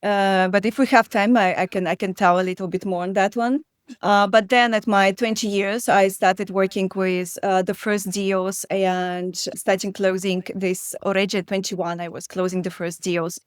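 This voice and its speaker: A Belarusian woman in her thirties, appearing as a guest investor in a conversational interview, speaks at medium pitch with a level tone and moderate pace. She sounds hesitant, with frequent fillers and restarts. The recording is studio quality, with a clean tone and no room sound.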